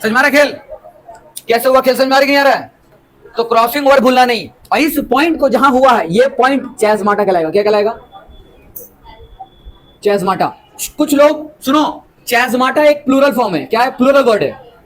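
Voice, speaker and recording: A man's voice: very high voice, lively intonation, moderate pace, slight background noise, rough recording. A man teaching biology in with English terms, lecturing a class and keeping students engaged by asking them rhetorical questions. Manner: explains with homely examples.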